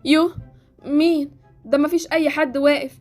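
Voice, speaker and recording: A woman's voice: high-pitched, fairly even intonation, normal speed, a little mellow, faint music behind, lightly acted. A woman voicing a grumbling, irritable grandmother with an Egyptian Arabic accent. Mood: grumpy.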